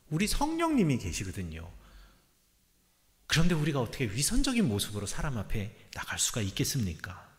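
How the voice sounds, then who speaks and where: A male pastor preaching a Sunday sermon earnestly, rising to emphatic peaks and dropping to soft, low endings. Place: church sanctuary. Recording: church sanctuary with long reverb.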